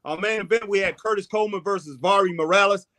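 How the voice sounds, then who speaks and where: A man's voice: sits high, fast talker, fairly bright tone. A man hosting a casual sports chat in a folksy, conversational way, often tagging sentences with "man". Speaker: host of a wrestling talk show.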